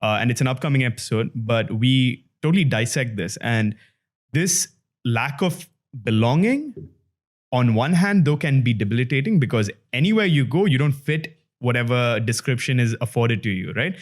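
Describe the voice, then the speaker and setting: This is a Dubai-raised man hosting his own podcast. His voice sits at a middling pitch. He speaks reflectively, pausing and restarting as he works through his ideas. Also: expressive. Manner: thoughtful, with frequent fillers and restarts. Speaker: podcast host. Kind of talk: reflective conversational chat.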